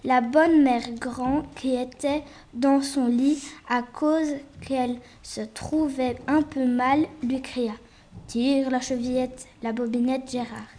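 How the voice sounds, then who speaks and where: A woman reading a fairy tale aloud slowly and carefully, with small restarts. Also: high-pitched, mellow.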